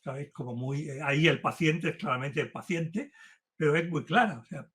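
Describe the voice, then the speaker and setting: A man lecturing on philosophy in an earnest, insistent way. His voice sits a little high for a man, and he leans hard on key words as he builds toward each point. It sounds like a formal talk given to a remote audience. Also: normal speed. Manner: earnest, emphatic, building intensity as he warms up. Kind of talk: university-style lecture. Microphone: remote talk to a virtual audience.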